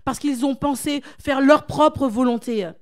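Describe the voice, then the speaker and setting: Higher-voiced woman giving a church talk. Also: measured pace. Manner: engages the audience with questions; exhortative, repetitive emphasis. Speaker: conference speaker and coach.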